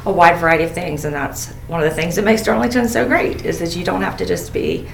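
A woman's voice: fairly low pitch, quick pace, gravelly, echoey room, distant mic, slight background noise. A woman hosting a school podcast interview, chatty and encouraging, with many ums. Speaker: host, dean of students.

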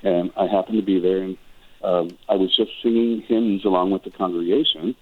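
A man's voice: low-pitched, steady tone, brisk. An older man from Wisconsin, a musician guest on a radio interview, talking reflectively and rambling with frequent restarts. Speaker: guest musician and choral director. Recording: tinny phone-like radio audio.

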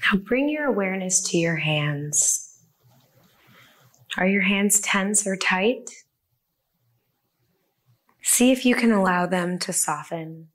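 A woman leading a guided body-scan meditation, speaking softly and soothingly with long pauses. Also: mid-range voice, animated. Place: a room with the listeners present.

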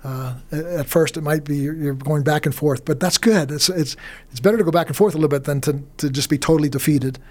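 A man's voice: fairly high pitch, quick pace, few pauses, darkish tone. A middle-aged man giving a faith interview as a guest minister, speaking earnestly and often restarting and repeating his words.

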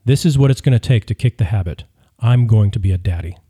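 Earnest, hopeful man about to be a father, as a narrator reads him, dark and mellow in an audiobook. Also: on the low side, fast talker, slightly rough.

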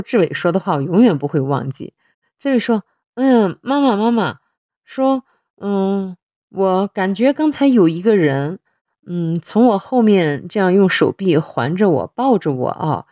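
A woman, a mother, telling her personal faith testimony in an unhurried way, pausing often with fillers. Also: sits low, warm tone, dry recording.

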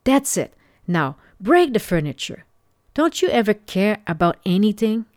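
A woman's voice: mid-range voice, very animated, measured pace, a little mellow, dry recording, clean studio sound. Woman voicing a barking angry husband. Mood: furious. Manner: barking, harsh. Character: angry domineering middle-aged husband.

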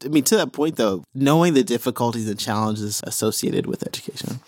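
A man's voice: mid-range voice, fairly quick, no echo, studio quality. A man hosting a podcast, asking questions in a friendly, upbeat way. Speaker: podcast host. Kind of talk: conversational interview.

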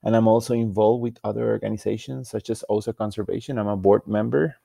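A man's voice: on the low side, steady tone, fast talker, gravelly, mellow, breathy edge, dry recording, clean studio sound. A man from Rica, giving easygoing, unpretentious answers as a guest in an interview. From Costa Rica. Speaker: guest conservation scientist.

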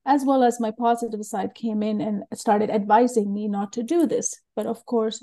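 A woman's voice: medium pitch, vocal fry, mellow. A middle-aged woman from Sri Lanka, a guest telling her story openly and earnestly in loose rambling phrases. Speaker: guest, learning method creator. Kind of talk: candid personal interview.

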